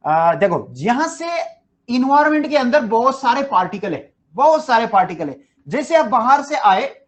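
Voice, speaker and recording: Higher-pitched woman teaching, quizzing herself. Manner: asks students questions and answers them herself; chuckles while explaining. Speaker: biology teacher. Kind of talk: online exam-prep lecture.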